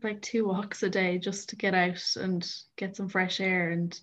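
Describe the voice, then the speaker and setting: A woman's voice: medium pitch, level tone, unhurried. Young Irish woman, slightly dull recording. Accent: Irish, County Clare. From County Clare, Ireland. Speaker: podcast guest. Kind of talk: casual interview chat.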